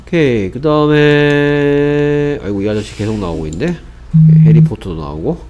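A man's voice: fairly high pitch, darkish tone, slight background noise. Korean man teaching English grammar. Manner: asks rhetorical check questions, repeats example sentences slowly. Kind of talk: grammar lesson.

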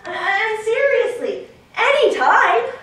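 A woman's voice: extremely high pitch, expressive, moderate pace, a bit bright, distant mic, a little hiss or hum. An actress playing an overeager, clingy young woman friend who gushes and talks over others, in a stage play. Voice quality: gushing, talks over others, nervous laughs. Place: theater stage. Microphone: far room mic. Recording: echoey stage recorded from afar.

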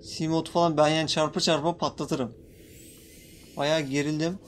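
This is casual Let's Play commentary from a young man who runs a gaming YouTube channel, his voice a little high and his pace a little slow. He's excitable and jumpy, nervously reacting to in-game creatures, swearing at them playfully, and talking to viewers. Slight background noise is present.

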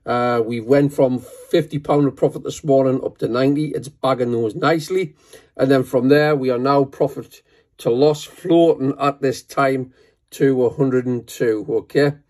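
A man's voice: mid-range voice, fairly even intonation, moderate pace, a little mellow, no room sound. A man talking casually to camera in a home vlog, rambling with many fillers and calling his viewers "guys". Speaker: forex trader vlogger. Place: at home, moving between rooms and outdoors.

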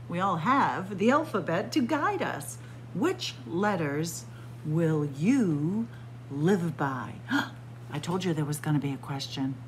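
A middle-aged woman librarian with a lowish voice reads a picture book to children, word by word and with teacherly emphasis. The low-quality recording, made close on a webcam or phone at arm's length in a small library room, has a little hiss or hum.

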